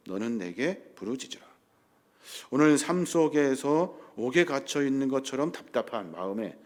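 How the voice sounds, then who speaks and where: A middle-aged man preaches in a steady voice of ordinary pitch. He speaks earnestly and dramatizes quoted words with rising emphasis, the way a pastor does from the pulpit. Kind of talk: sermon.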